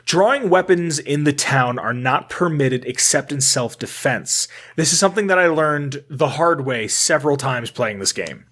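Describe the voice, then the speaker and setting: A man's voice: on the high side, lively intonation, moderate pace, few pauses, a bit bright. Young American man, podcast co-host, casual and rambling, reads lore with joking asides. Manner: chatty, rambling, self-deprecating, reads aloud with asides. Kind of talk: casual podcast chat reading game lore.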